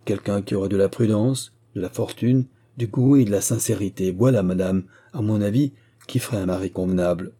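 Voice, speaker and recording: A man as a smooth young squire in a storybook, courtly and flowery, all flattery. the voice sits low, dark and husky. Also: a little fast, few pauses. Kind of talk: audiobook reading.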